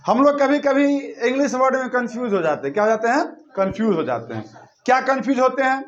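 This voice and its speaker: A man's voice: very high voice, very animated, fast, highs cut off. A male teacher giving a classroom lesson, drilling students by repeating his questions and answers back and forth.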